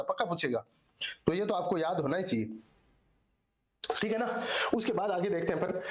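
A hoarse man teaching an exam-solution lecture, repeating answers and asking and answering his own questions. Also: high voice. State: hoarse, strained throat. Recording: echoey room.

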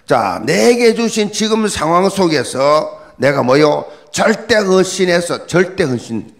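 A middle-aged man delivers a dawn prayer sermon as pastor. His voice sits a little high and swings widely up and down. He hammers single words again and again and throws questions at the listeners. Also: very animated, measured pace, creaky. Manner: emphatic, repeats key words, asks the congregation questions. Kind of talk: early-morning prayer sermon.

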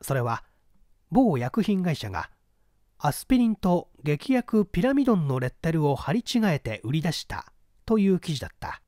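Narrating a classic mystery audiobook, this man has a fairly high, warm voice whose pitch swings widely even as he keeps a measured, deliberate pace. The sound is dry and close in the manner of a literary audiobook recording.

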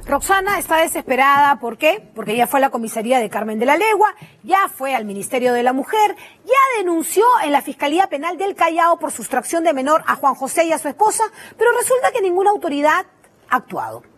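A woman's voice: sits high, very animated, brisk, fairly bright tone. A woman narrating a television news report in an indignant, emphatic way.

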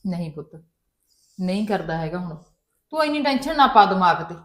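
A woman's voice: fairly low pitch, sing-song, a little fast, a bit bright. A woman playing a mother who soothes and coaxes her upset daughter in a family drama. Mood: soothing. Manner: soothing, coaxing, repeatedly calling her child. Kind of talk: Punjabi family drama dialogue.

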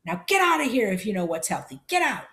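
A woman voicing a burly, angry shopkeeper who shouts and blusters. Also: mid-range voice, sing-song, fast talker. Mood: furious.

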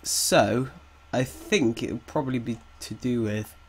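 A man teaching game development in a casual screen recording has a cold that leaves his mid-range voice slightly croaky. Typing away on a keyboard, he thinks out loud with hesitant pauses and lets out a chuckle at each mistake.

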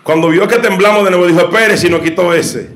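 A male preacher giving a sermon with a personal testimony, shifting between hushed storytelling and fervent shouting. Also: high-pitched, fast talker. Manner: fervent, rising to shouting exhortation. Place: church hall with congregation. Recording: echoey church hall with congregation.

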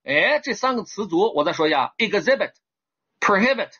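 Animated male English teacher, lo-fi stream. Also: moderate pace, breathy edge. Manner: animated, asks viewers to type one; lively with sudden high exclamations. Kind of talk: livestream lesson. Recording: dull lo-fi stream audio.

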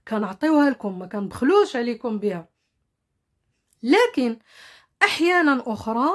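A woman with a Moroccan accent teaching a French lesson, explaining quickly in Arabic and reading French examples slowly and deliberately. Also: on the high side. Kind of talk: language lesson.

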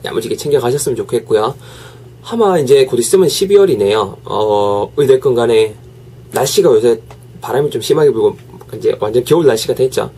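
A man with a slightly husky voice gives a casual video English lesson. He switches between languages and repeats short phrases over and over. His delivery is lively and encouraging. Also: medium pitch, fairly quick. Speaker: English teacher.

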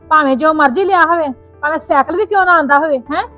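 A woman's voice: high-pitched, fast talker, soft background music. A woman acting a quarrelsome mother-in-law in a family drama, scolding and complaining. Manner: scolding, complaining, sharp-tongued.

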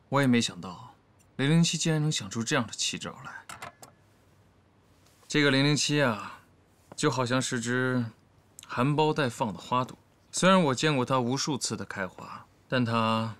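A man's voice: mid-range voice, a bit bright, lightly acted. An actor playing an earnest, smitten young male boss in a TV drama, speaking with restraint. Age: young adult. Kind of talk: TV drama dialogue.

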